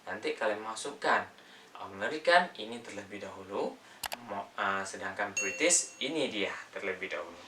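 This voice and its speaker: A man from Indonesia teaching an English lesson, saying words slowly one by one and mixing in English terms. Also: on the low side, animated, pushed and bright, roomy sound, far from the mic, a little hiss or hum. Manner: slow, drawn-out word-by-word pronunciation drills. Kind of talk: casual spoken lesson.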